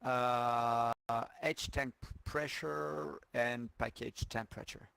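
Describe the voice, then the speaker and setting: A man talking casually and technically as a flight controller in a simulation, halting as he thinks aloud. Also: medium pitch, steady tone, creaky, fairly bright tone, clean tone, no echo.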